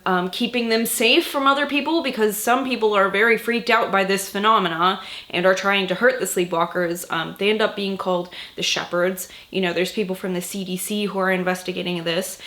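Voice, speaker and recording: A woman book vlogger, sick and a bit husky, chatting casually through her monthly reading wrap-up with lots of fillers and swearing. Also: medium pitch, steady tone, a little fast, few pauses, fairly bright tone.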